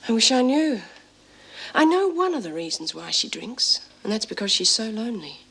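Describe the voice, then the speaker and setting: An actress with an Australian accent playing a gentle but firm woman prison officer in a television drama. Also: on the high side, very animated, moderate pace, gravelly, slightly rough, exaggerated voice, poor audio. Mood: concerned. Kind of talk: 1970s TV drama acting.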